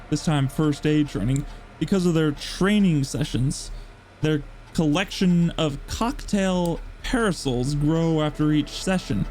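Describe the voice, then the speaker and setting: Streamer masculin blagueur, voix assez haute. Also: male voice, fairly high pitch, mellow. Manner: joking, laughing, thinking aloud. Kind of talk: casual gaming commentary.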